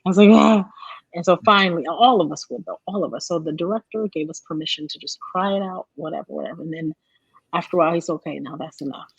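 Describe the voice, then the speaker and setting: A woman's voice: fairly low pitch, fast, vocal fry, breathy edge, no room sound, rough recording. A woman in her thirties, a stage actress, telling stories in a casual interview with many restarts. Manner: animated storytelling with restarts.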